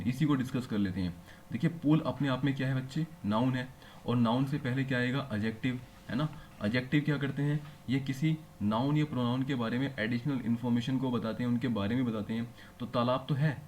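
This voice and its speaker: A man's voice: mid-range voice, a little fast, a little mellow, slight background noise. A male teacher giving a classroom-style lecture, explaining patiently and often asking his students whether they follow. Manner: explains patiently, checks understanding with frequent rhetorical questions.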